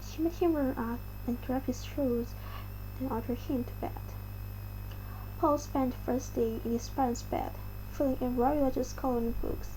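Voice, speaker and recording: A woman's voice: sits high, mellow, slight background noise, poor audio. A woman with an Indonesian accent reads an article aloud, carefully and with the odd stumble over words. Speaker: reader.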